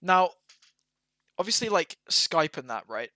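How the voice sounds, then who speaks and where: Bright, sweary young man, dry close mic. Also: on the high side, unhurried, dry recording. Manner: casual, sweary, animated. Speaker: podcast co-host. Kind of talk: casual chat.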